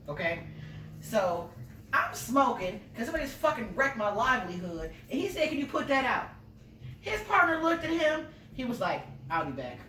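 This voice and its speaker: A woman co-hosting a podcast, telling stories in casual, profane chat. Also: high-pitched. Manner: profane, animated storyteller. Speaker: podcast co-host. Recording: echoey room, distant mic, noisy.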